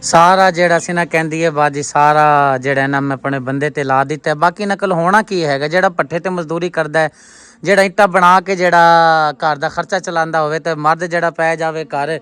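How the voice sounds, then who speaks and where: A man's voice: on the high side, fairly even intonation, a little fast, fairly bright tone, smooth. A man with a Pakistani Punjabi accent speaking in a vlog, making a pleading, consoling appeal to help a poor family. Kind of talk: emotional charity appeal vlog.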